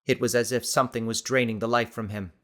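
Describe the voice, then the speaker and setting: This is scripted audiobook narration of a suspenseful tale, delivered by a male narrator. His pitch sits in the middle range, and his pacing remains even and controlled throughout.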